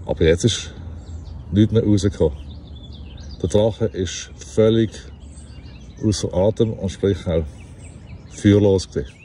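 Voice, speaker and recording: Low-voiced Swiss German storyteller. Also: male voice, unhurried, pauses often, slight background noise. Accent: Basel Swiss German. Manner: relaxed, chatty, with laughs and self-corrections. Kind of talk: reading a fairy tale aloud with asides.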